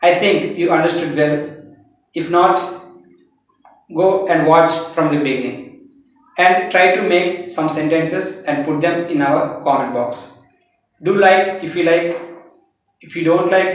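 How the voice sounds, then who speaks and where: A man with a Telugu-accented voice, a bit high for a man, teaches English in a drawn-out, deliberate way. He repeats each example sentence slowly so learners can follow. The voice sounds distant, recorded in a very echoey room. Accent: Indian English, Telugu. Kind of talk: bilingual English lesson with Telugu explanations. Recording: echoey room, far from the mic.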